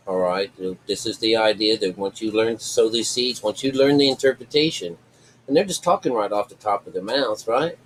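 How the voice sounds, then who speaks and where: A man's voice: lowish voice, a little hiss or hum, poor audio. A man hosting an informal spiritual lesson, talking casually and emphatically straight to his viewers in a rambling, off-the-cuff way. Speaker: host teaching a spiritual lesson.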